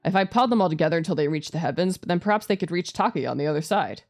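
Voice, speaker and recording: Racing along with lively intonation, a woman whose voice is on the low side and a little mellow reads a visual novel's story text aloud on stream. She adds casual, sweary commentary over background music in this let's play.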